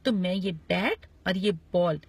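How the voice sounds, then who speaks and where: A woman voicing a patient but firm father in a children's story, with a husky voice that coaxes and warns. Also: lowish voice, slow pace, no echo, full character voice. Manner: coaxing, then warning.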